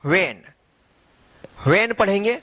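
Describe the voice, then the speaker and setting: Guy teaching a lesson, spells stuff out then quizzes himself, pitch jumps around a lot. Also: animated, pushed and bright. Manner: spells letters out slowly, then asks and answers his own questions. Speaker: English teacher. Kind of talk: classroom-style lesson.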